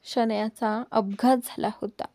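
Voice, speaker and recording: Woman reading a calm middle-aged woman. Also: fairly high pitch, a little slow, dry recording.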